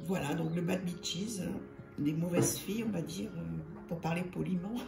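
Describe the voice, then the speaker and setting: A French woman runs a tarot channel and shows off a deck, chatting casually with plenty of fillers and repeated words. Her voice sits on the low side at a normal pace, with vocal fry. The room is echoey, and soft music plays behind her.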